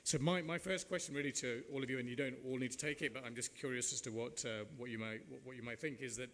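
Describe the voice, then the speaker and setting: A man's voice: mid-range voice, steady tone, fast talker, a bit bright. A man moderating a panel discussion in a conversational, discursive way. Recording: reverberant hall with background noise.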